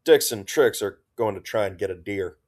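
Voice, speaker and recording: A man's voice: on the low side, moderate pace, darkish tone, natural voice. A man voicing a sardonic woman major leading a military squad, speaking drily. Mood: wry.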